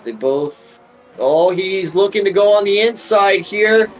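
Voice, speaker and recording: An excitable man calls a live sim race, his voice sitting a little high and jumping up at every crash. He jokes with his co-host between calls. A faint hiss of noise runs underneath. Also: unhurried. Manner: excitable, jokey, rising to shouts at incidents. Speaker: race commentator. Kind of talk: live sim racing commentary.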